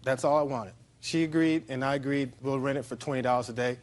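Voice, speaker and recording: A man's voice: medium pitch, fairly even intonation, quick pace. A man testifying as a plaintiff in a TV courtroom, plain-spoken and insistent. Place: television courtroom studio.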